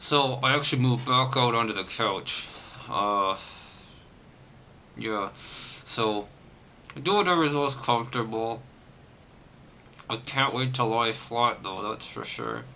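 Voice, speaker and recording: A man's voice: medium pitch, unhurried, pauses often. Man talking through a sore, banded jaw, muffled. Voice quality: restricted, tight-jawed articulation from a banded, sore jaw after surgery. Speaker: vlogger. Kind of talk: casual first-person recovery vlog. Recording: muffled, lo-fi camera audio with clear background noise.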